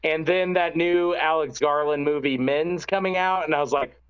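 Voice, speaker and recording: A man's voice: on the high side, steady tone, normal speed, clean tone. Laid-back teasing man, slightly dull audio. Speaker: show panelist. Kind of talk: casual chat among friends.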